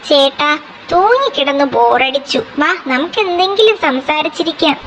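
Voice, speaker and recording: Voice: high-pitched, expressive, moderate pace, crowd noise. Karunakkan, a performer doing a pestering chatterbox. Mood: wheedling. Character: chatty pestering male jungle creature, mischievous.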